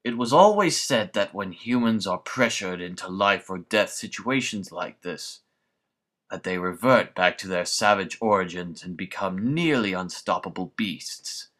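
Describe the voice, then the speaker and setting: A man's voice: low voice, expressive, fairly bright tone. A man voicing a menacing scarecrow villain, a sadistic, grandiose mad scientist delivering a theatrical, pompous monologue. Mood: gloating, clinical. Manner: menacing scarecrow voice, slow, pompous, florid and deliberate.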